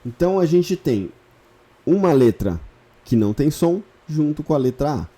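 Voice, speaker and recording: Dark-voiced patient male teacher. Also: fairly high pitch, big pitch swings, normal speed. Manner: patient, repeats key points with frequent check-ins. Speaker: Hebrew teacher. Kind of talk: online lesson, explaining step by step.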